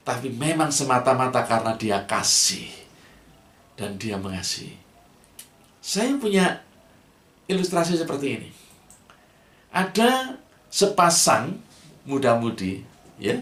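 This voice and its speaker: A man's voice: high voice, roomy sound. A male pastor preaching a sermon, acting out little scenes with humor. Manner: animated preaching, acts out romantic lines with humor. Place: church.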